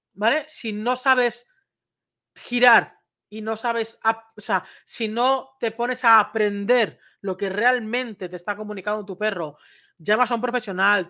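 A chatty woman teaches to camera as a dog trainer. She talks in an animated, conversational flow, keeps checking in with quick tag questions and slips into little acted-out exchanges. Her voice sits at an ordinary middle pitch. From Spain. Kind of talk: informal educational talk to camera.

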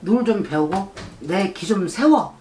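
The recording is rough, with slight background noise, capturing a middle-aged woman's animated, mid-range voice that is a little slow and dark in tone. She is a shaman fortune teller in an indoor shrine office, bluntly advising and scolding a client and repeatedly asking if she understands.

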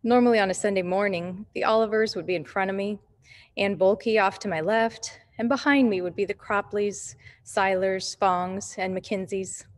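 A woman's voice: mid-range voice, fairly even intonation, moderate pace. Woman echoing through an empty sanctuary. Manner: gentle, conversational, asks reflective questions. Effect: echo of a large empty church sanctuary. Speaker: church devotional leader. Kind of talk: short scripted devotional talk. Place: empty church sanctuary, seated in a pew.

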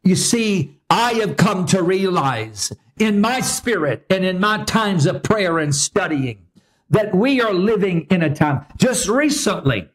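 A man's voice: high voice, big pitch swings, a little slow. A man preaching a sermon as pastor, emphatic and repetitive in his delivery.

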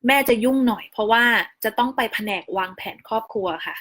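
A woman's voice: a little high, fast talker. Chatty, polite young mother narrating. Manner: chatty and polite, often ending phrases with soft polite particles; calmly explains step-by-step practical details. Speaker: new mother sharing her hospital stay. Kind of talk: casual narrated vlog voice-over.

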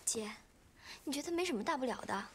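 Defiant young newcomer, high voice. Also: female voice, expressive, fast talker, a little hiss or hum. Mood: pleading. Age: young adult. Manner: stubborn, defiant. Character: young newcomer actress refusing a scene. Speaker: newcomer actress. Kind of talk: film drama acting.

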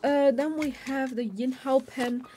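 A woman's voice: high voice, fairly even intonation, unhurried, dark tone, soft background music. A young woman at a home desk, chatting casually about pens and a notebook with many fillers and restarts. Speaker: stationery vlogger. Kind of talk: casual show-and-tell narration. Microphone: overhead camera over a desk.

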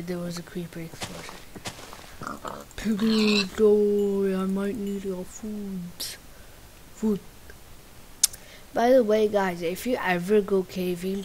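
A woman hosting a game channel, giving chatty let's play commentary that swings between muttered asides and sudden excited squeals. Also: mid-range voice, a little hiss or hum, rough recording. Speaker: gaming channel host.

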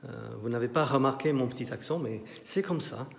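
A middle-aged man with an English accent, an artist giving a casual tour of his exhibition, thinking aloud with many pauses and fillers, filmed on a phone at arm's length. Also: medium pitch. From not French. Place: indoor art gallery. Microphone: handheld phone at arm's length, walking. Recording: roomy gallery with long echo.

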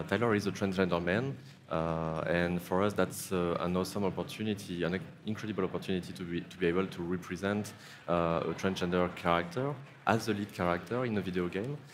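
A man speaks carefully from a live event stage, pausing often on "uh." His voice is very low, and his headset mic picks up faint venue ambience. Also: a little hiss or hum. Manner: careful, with many "uh" pauses. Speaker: game director panelist. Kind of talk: live stage panel discussion. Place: large indoor event stage.

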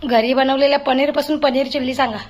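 A woman's voice: high voice, fairly even intonation, fast. A woman hosting a casual home vlog, chatting to her viewers as a group and talking with her family as she goes. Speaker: vlog host.

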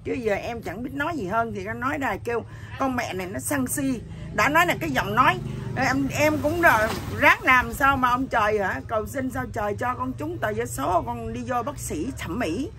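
Husky middle-aged woman. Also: a little high, moderate pace, background noise. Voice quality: husky voice that sounds neither male nor female. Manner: blunt, earthy, animated storytelling. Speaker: interviewee. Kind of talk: candid emotional chat.

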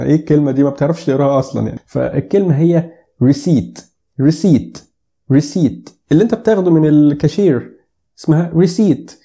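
A young man with an Egyptian Arabic accent gives a casual video lesson on English pronunciation, joking with viewers and repeating words slowly to demonstrate them. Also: on the high side, dark tone. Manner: joking, playful asides.

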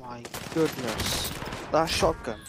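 A man on a gaming voice chat, shouting excitable call-outs to his teammates. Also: mid-range voice, slow. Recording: voice chat over loud gunfire.

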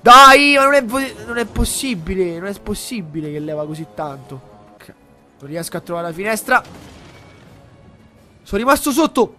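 Excitable young man shouting over gameplay. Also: high-pitched, moderate pace, pauses often, soft background music. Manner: excitable, swears, shouts and repeats words in bursts. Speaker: gamer commentating his own play. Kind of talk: live gameplay commentary.

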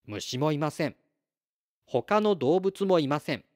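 A man voicing a polite, clever boy from a star in a storybook read-aloud, speaking formally and calmly. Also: fairly high pitch, a little slow. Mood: earnest. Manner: formal, courteous, calm.

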